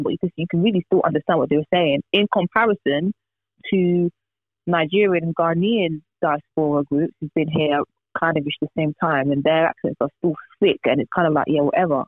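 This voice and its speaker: A man's voice: on the high side, no echo. A man on a podcast, musing at length with lots of fillers. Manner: thoughtful, rambling, many fillers. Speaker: podcast co-host. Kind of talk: casual chat. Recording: tinny phone-like remote call.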